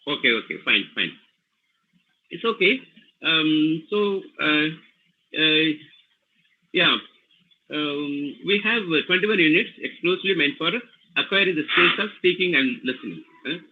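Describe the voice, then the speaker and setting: Male language trainer, Tamil Nadu Indian English, fairly high pitch, hesitant lecturing webinar voice, phone-quality audio. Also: expressive. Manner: halting, many fillers and "you know, no?" tags. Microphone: video call. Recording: tinny phone-like call audio.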